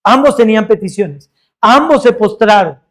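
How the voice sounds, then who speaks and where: A male pastor preaching a sermon with earnest emphasis, slowing down to stress key words as he retells a scripture story. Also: high voice, lively intonation.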